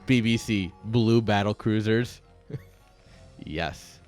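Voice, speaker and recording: A man's voice: on the low side, drawn-out words, a little mellow, faint music behind. A man giving casual esports commentary with joking, sarcastic asides.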